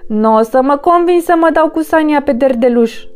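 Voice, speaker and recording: A woman voicing a serious, proud female crow in a storybook, fussy and superior, croaking now and then. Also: sits high, a little mellow, faint music behind, pitched above the performer's own voice, lightly acted. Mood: scornful.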